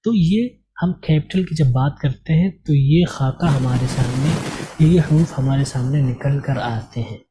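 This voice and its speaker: A man's voice: mid-range voice, unhurried, noisy background. A man teaching English letters in a patient, repetitive lesson, asking and answering his own questions. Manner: patient, repeats and asks questions to the learner. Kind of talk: slow spoken lesson.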